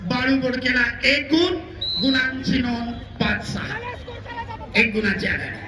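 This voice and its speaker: A man calling a live wrestling match through a loudspeaker PA, energetic, announcing points and warning the wrestlers. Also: very high voice, measured pace. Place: outdoor wrestling ground. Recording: echoey outdoor PA with loud crowd.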